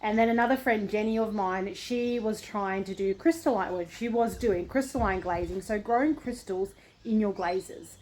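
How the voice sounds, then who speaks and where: A woman's voice: mid-range voice, moderate pace, a little mellow, a little hiss or hum, rough recording. A woman with an Australian accent talking casually in a vlog, rambling a little as she thinks aloud. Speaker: potter and studio vlogger.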